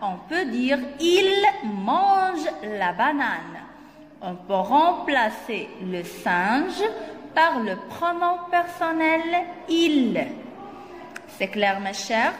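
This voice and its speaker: A woman with a Moroccan accent teaching a beginner reading lesson, spelling out letters and syllables slowly and clearly. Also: high voice, very animated, echoey room, long reverb tail.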